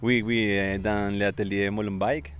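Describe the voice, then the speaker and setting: A man with a fairly low voice and a Colombian Spanish accent answers interview questions in non-native French. He speaks slowly and haltingly, often searching for the right word in his foreign-accented delivery. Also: little pitch movement, fairly bright tone. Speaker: volunteer bike mechanic.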